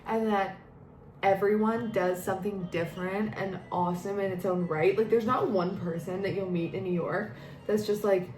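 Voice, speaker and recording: A woman's voice: mid-range voice, steady tone, moderate pace, darkish tone. Giggly drunk young woman in an echoey room. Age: 20s. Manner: effusive, rambling, swears freely. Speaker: vlogger doing a drinking makeup challenge. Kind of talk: casual chat with a friend. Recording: echoey room, music behind.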